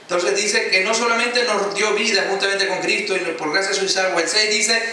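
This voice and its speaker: A man preaches a sermon, pressing his points and drawing answers from the congregation. His voice is high and sharply bright. It is picked up from some distance in a very echoey church hall. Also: normal speed, a little hiss or hum. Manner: emphatic preaching with call-and-response. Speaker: pastor.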